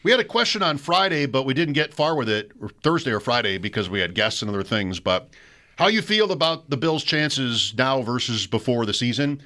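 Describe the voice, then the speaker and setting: Smooth-voiced male sports radio host. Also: medium pitch, big pitch swings, a little fast, pushed and bright. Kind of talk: sports talk radio show.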